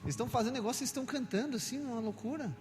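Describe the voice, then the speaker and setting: A man preaching a sermon, questioning the congregation in a conversational way and at times building to loud, slow proclamations. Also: very high-pitched. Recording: long hall reverb with faint music.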